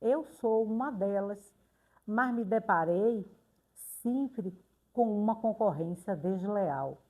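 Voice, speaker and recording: An older woman, a retired teacher slowly and reflectively recounting memories in a documentary interview, pausing often. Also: mid-range voice, phone-quality sound. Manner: slow, reflective, pauses often on "é".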